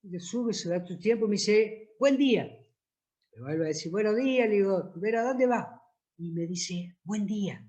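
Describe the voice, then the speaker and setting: An Argentine man, a priest, shares stories at a book presentation. His voice sits high, and he acts out the dialogue as he goes. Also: moderate pace. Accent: Argentine Spanish. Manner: anecdotal, acts out dialogue with lively pitch jumps. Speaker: priest and author.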